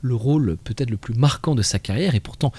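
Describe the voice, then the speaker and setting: A man presenting on the radio, introducing a film excerpt in a relaxed, conversational way. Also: mid-range voice, a little fast, breathy edge, no echo. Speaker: radio host.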